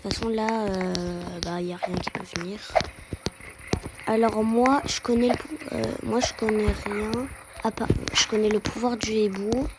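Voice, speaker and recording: Young woman, gaming commentary, hesitant, excitable, repeats exclamations, loud background noise. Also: medium pitch, normal speed. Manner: hesitant, many fillers. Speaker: gaming youtuber. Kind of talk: casual gameplay commentary.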